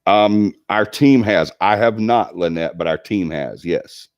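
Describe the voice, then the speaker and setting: A man in his 40s hosts a paranormal livestream, reading the live chat and talking casually in a rambling way full of ums and restarts. His voice sits on the low side and moves a little slowly. The recording is muffled, with no echo.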